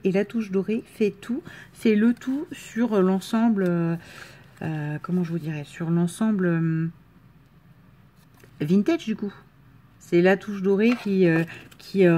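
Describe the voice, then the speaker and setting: A woman's voice: on the low side, darkish tone. A woman from the Marne with a slight northern French accent, chatting casually and enthusiastically as she unboxes crafts, with frequent fillers and laughs. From Marne, France. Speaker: crafting vlogger.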